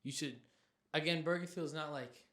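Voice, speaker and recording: A man's voice: fairly high pitch, a little fast, a bit bright. A young man from New Jersey chatting casually on a podcast, laid-back and agreeable. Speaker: podcast guest. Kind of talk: casual chat. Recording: roomy echo.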